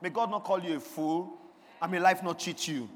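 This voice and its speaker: A male pastor with a notably high voice preaches to his congregation, calling out lines for them to repeat. He builds from quiet questions to loud, emphatic proclamations. His voice rings through the long reverb of a church sanctuary. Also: normal speed. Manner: call-and-response preaching, swells to emphatic declarations. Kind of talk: sermon. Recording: long reverb of a large hall.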